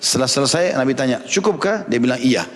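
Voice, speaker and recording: Man, preacher, storytelling lecture, brisk delivery, reverberant hall. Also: animated. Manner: storytelling, acting out quoted dialogue in a raised pitch. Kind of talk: religious lecture.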